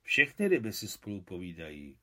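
A man doing Adam, a calm old fisherman. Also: deep voice, exaggerated voice. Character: old calm male fisherman teaching boys.

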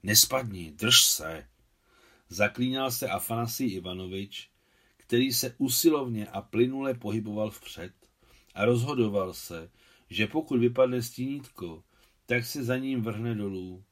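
A man, the translator, reading his own translation of a novel aloud in a calm, measured storytelling manner. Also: medium pitch.

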